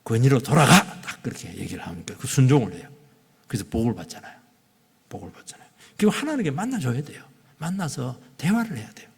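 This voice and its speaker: A middle-aged man preaching a Sunday sermon as a pastor, animated and acting out quoted dialogue. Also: mid-range voice, fast talker, creaky, breathy edge. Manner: animated, acts out quoted dialogue in shifting voices. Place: church sanctuary. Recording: long reverb of a church hall.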